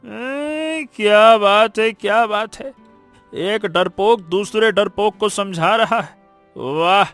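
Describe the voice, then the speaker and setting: A man's voice: sits high, fairly bright tone, exaggerated voice. A man voicing a greedy, boastful male villager in a cartoon story, who is cowardly underneath and stammers when caught out. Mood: scheming. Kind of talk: cartoon voice acting.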